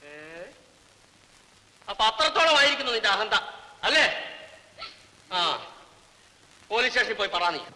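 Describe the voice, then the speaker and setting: A man's voice: very high voice, animated, normal speed, pauses often, sharp tone, exaggerated voice. An actor playing a stern middle-aged foreman who harshly scolds and accuses a woman, in an old film soundtrack with long reverb. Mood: scolding.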